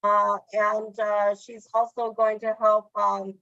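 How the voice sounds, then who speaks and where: A woman's voice: medium pitch, level tone, gravelly, fairly bright tone, no echo. A woman runs an online meeting in casual talk, stopping often on fillers. Her voice sits in the middle of the range. The call audio is dull and dry. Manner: halting, with frequent fillers. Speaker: meeting host. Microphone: video call.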